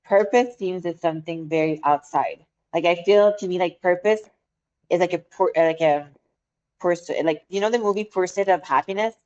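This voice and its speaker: A podcast co-host, a woman with a French accent for whom English is a second language, chats casually and earnestly, often searching for words. Her voice is on the low side and darkish, at a normal pace, and the recording sounds muffled.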